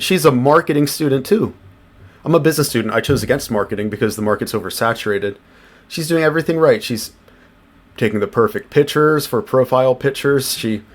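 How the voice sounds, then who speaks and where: A young man talking over a video he is reacting to. He is blunt and exasperated, swears freely, and his words pile up fast once he gets riled. His voice sits in an ordinary middle register. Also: medium pitch. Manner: blunt, exasperated, swears, speeds up when worked up. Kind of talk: casual reaction commentary.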